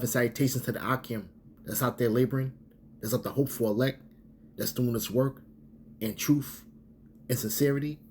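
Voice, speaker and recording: A man teaching his religious group in a sermon-style talk, halting and full of fillers, often tagging lines with okay and man. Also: medium pitch, a little mellow, a little hiss or hum.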